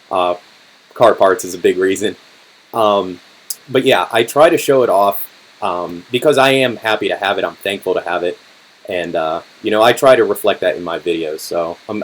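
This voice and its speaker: A young man in his twenties hosting a casual live-stream Q&A, talking in a relaxed, rambling way with lots of ums and restarts, his voice going hoarse. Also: deep voice, low-quality recording. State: voice getting hoarse. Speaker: car channel host.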